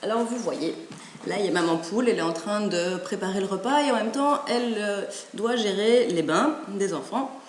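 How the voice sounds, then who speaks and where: A woman giving parenting advice in a casual, animated way, acting out a children's story as she talks. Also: medium pitch, normal speed, slight background noise. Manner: animated, acts out stories. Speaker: parenting educator. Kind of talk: casual spoken advice video. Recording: echoey room.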